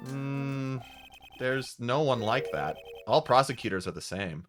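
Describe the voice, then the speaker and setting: A man voicing a calm, level-headed adult male defense lawyer in a fan voice-over of a game. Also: medium pitch, a little slow, music in the background, close to an everyday voice.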